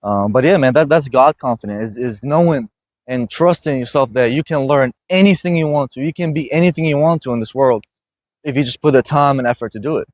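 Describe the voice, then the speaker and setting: A man's voice: medium pitch, brisk, darkish tone, no echo. Brief: man with a mid-range voice, dry close sound, earnest motivational host. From Iraq. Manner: earnest, repeats "you know what I mean". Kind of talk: casual motivational conversation. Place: gym.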